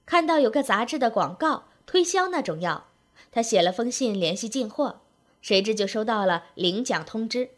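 A woman with a fairly high voice performs a comic story aloud. Her narration is wry and lively, and she leans into rhythmic, patterned phrases. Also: normal speed.

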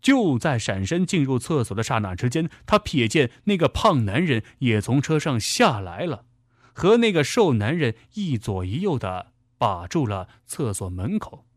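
A male storyteller narrating a dramatic tale with a vivid delivery. His pitch moves in a lively way, and the recording is close and dry. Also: moderate pace, no echo.

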